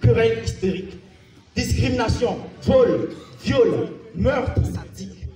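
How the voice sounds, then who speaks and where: A slam poet with a very high, mellow voice takes it slowly as he performs theatrically on a live festival stage. His delivery is declamatory, intense and anguished, full of insistent repetition. The distant mic captures an echoey stage with flute music behind.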